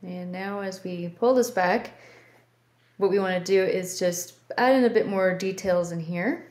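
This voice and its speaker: A woman with a Canadian accent, a painting instructor talking through each brushstroke in a relaxed, step-by-step way. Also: mid-range voice, unhurried. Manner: relaxed, thinking aloud while working. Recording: roomy studio with faint background hum.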